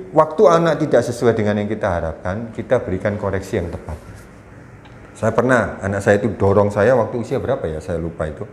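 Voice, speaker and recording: A middle-aged man explaining parenting in earnest, conversational talk, now and then acting out an angry scolding parent. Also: lowish voice. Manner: earnest and explanatory, acts out scolding parents with sudden loud bursts. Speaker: guest speaker on parenting. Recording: echoey room with faint noise.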